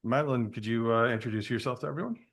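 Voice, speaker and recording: A man hosting a podcast, interviewing a guest in a casual, easygoing way with many fillers and pauses. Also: medium pitch, fairly bright tone. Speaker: podcast host.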